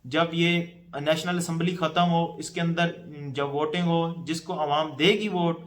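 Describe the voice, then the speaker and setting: A man's voice: on the high side, a bit bright. A man giving casual political commentary to camera, speaking in loose run-on sentences with frequent hesitations.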